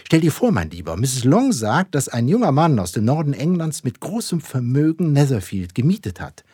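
Man playing a shrill, pushy mother. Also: big pitch swings, moderate pace, mellow, slightly rough, dry recording, studio quality. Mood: eager. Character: fussy excitable middle-aged mother set on marrying off daughters.

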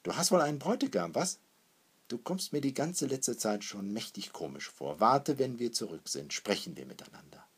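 A man's voice: fairly low pitch, big pitch swings, moderate pace, few pauses, a bit bright, slightly rough, exaggerated voice. A man reading the part of a stern, iron-willed old father who barks commands. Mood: gruff. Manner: barking, commanding.

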